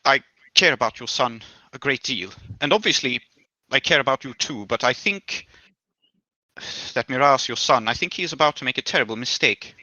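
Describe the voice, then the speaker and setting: A man voicing Vickers, a courteous, formal schemer who speaks in a measured, faintly menacing way. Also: medium pitch, sharp tone, no echo. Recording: dull, dry recording.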